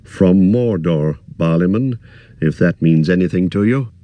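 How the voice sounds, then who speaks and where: Dude doing a grim ranger, low and slow, dry close sound. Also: male voice, no echo, lo-fi sound. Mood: grave. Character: grim, watchful male ranger.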